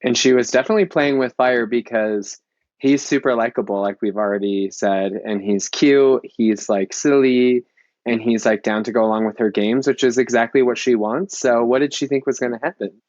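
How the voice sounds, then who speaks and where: A man's voice: mid-range voice, steady tone, moderate pace, a little mellow, no room sound, muffled recording. A man on a podcast panel giving opinions in a chatty style full of "like". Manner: chatty, heavy use of "like". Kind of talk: casual film discussion.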